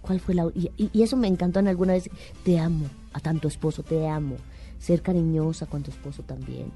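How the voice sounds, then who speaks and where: A Mexican woman with a slightly low voice gives parenting advice in an emphatic, preachy way, throwing rhetorical questions at the listener. Soft music plays faintly underneath. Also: fairly even intonation, a little fast. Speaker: author and guest.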